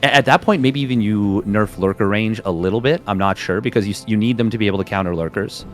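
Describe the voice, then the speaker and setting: A man with a low voice co-casts a match, thinking aloud and circling back on his points. Soft music sits behind him. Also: fast. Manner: chatty, hedging, restarts his thoughts. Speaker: co-caster. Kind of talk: casual game commentary and analysis.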